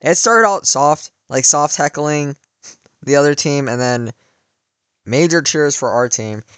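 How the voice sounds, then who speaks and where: Slightly high and a bit bright, this young man's smooth voice moves at a measured pace with no room sound. He's a vlogger in his late teens, rambling through a casual story full of "like" and restarts, his voice a little worn from cheering.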